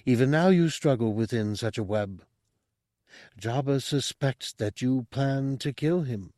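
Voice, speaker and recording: A man voicing a calm, telepathic spider-bodied male monk who speaks in a soft, measured, coaxing way. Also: mid-range voice, no echo, clean studio sound, voice pushed up, lightly acted. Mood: persuasive.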